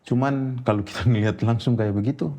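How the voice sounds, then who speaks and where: A man, telling a personal ghost story in a casual interview, animated and laughing often. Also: fairly quick. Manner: animated, jumps high when quoting others, laughs often. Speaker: guest storyteller.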